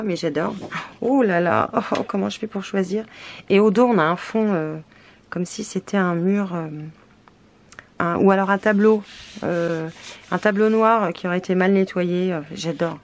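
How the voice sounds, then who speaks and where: A woman's voice: on the low side, a little hiss or hum. A woman from France chatting casually as she shows craft papers, hesitant with many fillers. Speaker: scrapbooking vlogger. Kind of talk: casual product unboxing chat.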